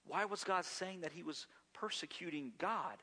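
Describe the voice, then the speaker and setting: A man's voice: high voice, normal speed, pushed and bright. A man preaching a sermon, acting out voices and sometimes dropping to a whisper, with self-corrections along the way. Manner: acts out voices, drops to a whisper at times. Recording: long hall reverb.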